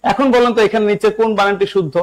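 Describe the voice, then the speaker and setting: A man's voice: high voice, steady tone, racing, low-quality recording. A young Bangladeshi man teaching an English spelling lesson to a live online class, repeating himself and checking often that everyone follows. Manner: repetitive, coaxing, keeps checking understanding. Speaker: English teacher for job exams.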